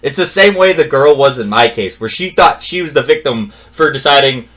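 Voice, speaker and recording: With medium pitch and a moderate pace, a young man tells his own story in an animated, offhand rant. Exasperated and repetitive, he trails off into a mutter before his voice rises loud.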